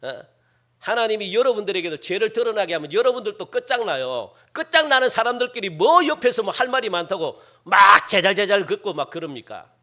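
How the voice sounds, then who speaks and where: Animated, bright-voiced male pastor preaching. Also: sits high, a little fast. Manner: lively, conversational preaching with frequent rhetorical "예?" and "어?"; acts out quoted speakers in shifting voices. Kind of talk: sermon.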